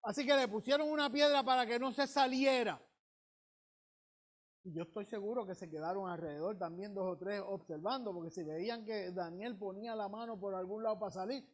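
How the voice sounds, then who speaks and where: A man's voice: sits high, fairly quick. A male pastor preaching a sermon, retelling a scripture story and drawing out words for emphasis.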